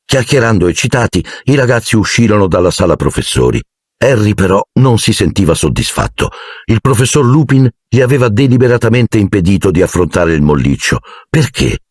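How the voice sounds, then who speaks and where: A man narrating an audiobook dramatically, with an animated delivery and voicing each character. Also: fairly low pitch, brisk, husky, no room sound, studio quality.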